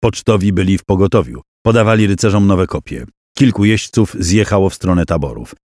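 Low-voiced man narrating a battle audiobook. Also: brisk, dry recording, clean studio sound. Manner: voices characters' shouts and cries within the narration.

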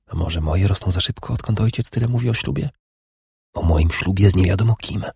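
A man reading an audiobook, voicing a bold, sly young princess in a hushed, often whispered voice. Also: low voice, a little fast, husky, dry recording, studio quality, exaggerated voice. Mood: anxious. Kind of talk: audiobook character voice.

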